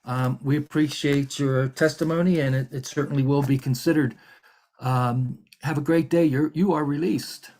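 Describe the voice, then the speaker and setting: This is a man acting as a hearing examiner, speaking over a video call. He moves through the proceedings carefully and politely. He often pauses on fillers and restarts his sentences. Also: on the high side, fairly even intonation, a little mellow. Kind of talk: formal virtual hearing proceedings.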